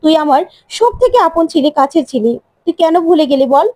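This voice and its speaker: A woman's voice: sits high, expressive, brisk, dark tone, no echo. A woman reading as a tearful pleading matriarch. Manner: pleading, emotional.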